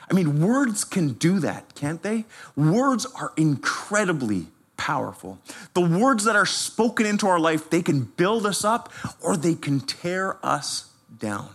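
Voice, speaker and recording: A man, a pastor giving a sermon with personal stories in a conversational, animated way. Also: fairly high pitch, breathy edge. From Canada. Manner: animated, conversational, laughs while telling stories.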